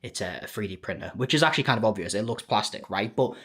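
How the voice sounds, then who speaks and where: A man's voice: fairly low pitch, animated, fast, a bit bright, breathy edge. A young man chatting casually in a vlog, laughing often as he shows things around. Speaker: vlogger.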